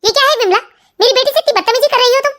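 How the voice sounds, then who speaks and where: Woman voicing a shrill bossy mother-in-law. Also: very fast, a bit bright. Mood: scolding. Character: bossy scolding middle-aged mother-in-law.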